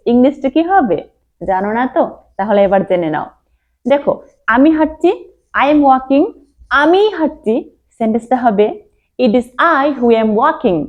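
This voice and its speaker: A woman teaching a spoken English lesson, reading out example sentences slowly and carefully and checking in with rising questions. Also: on the high side. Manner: rising, emphatic questions to the learner. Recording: tinny phone-like sound.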